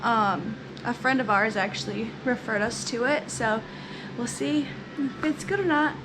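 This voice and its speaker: A high-pitched woman talking to her camera in an easy, unhurried way, upbeat and a little giggly. Loud outdoor noise runs under her voice the whole time, like a handheld travel vlog. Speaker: vlogger. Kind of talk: casual travel vlog chat. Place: outdoors and in a car on a road trip.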